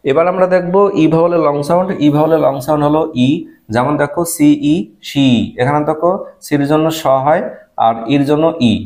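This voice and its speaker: A man teaching a beginner English reading class. He spells out letters, sounds out each syllable and repeats words slowly, checking in often. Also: fairly high pitch, darkish tone. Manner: patient, repeats each word slowly, checks in with "all right?". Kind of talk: step-by-step phonics lesson.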